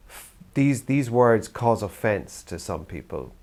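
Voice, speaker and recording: Speaking slowly but very animatedly, an older man from Ireland, a youth theatre practitioner, gives a thoughtful, earnest talk to camera in a lowish, darkish voice.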